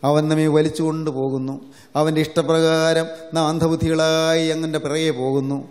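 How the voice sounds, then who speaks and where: A man's voice: a little high, flat delivery, normal speed, darkish tone, long reverb tail, soft background music. A man preaching a devotional sermon in an earnest, repetitive, pleading way.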